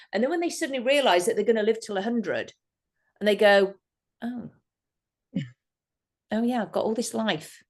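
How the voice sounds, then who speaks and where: A woman hypnotist talking casually to a workshop group, acting out people's reactions as she explains techniques. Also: a little high. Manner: animated, acts out quoted reactions.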